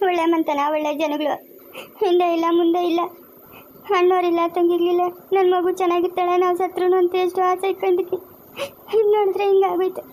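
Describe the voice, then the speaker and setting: A woman's voice: very high voice, level tone, fairly quick, long pauses, darkish tone, a little hiss or hum. A woman playing a worried village mother of a deaf daughter, tearful and pleading, with a Chikkaballapur Kannada accent. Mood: grieving. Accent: Kannada of the Chikkaballapur region. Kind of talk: amateur family drama acting.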